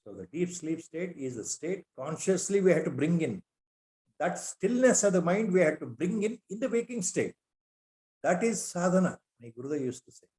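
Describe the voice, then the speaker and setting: A man's voice: sits high, sing-song, moderate pace, darkish tone. A man with an Indian accent gives a spiritual discourse, reciting Sanskrit verses and asking repeated rhetorical questions. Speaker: spiritual teacher.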